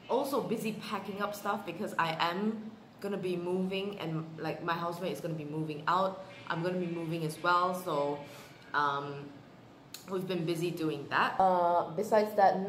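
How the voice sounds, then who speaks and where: A woman's voice: on the low side, normal speed, echoey room, a little hiss or hum. Casual woman vlogging at home. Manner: relaxed, rambling, many fillers and restarts. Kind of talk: casual chat to camera. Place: at home indoors. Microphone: handheld camera.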